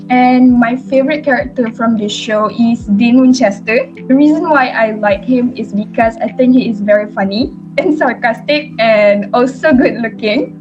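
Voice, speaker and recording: A woman of nineteen, a communication student, talking in a relaxed way. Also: a little high, normal speed, few pauses, lo-fi sound, music in the background. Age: late teens.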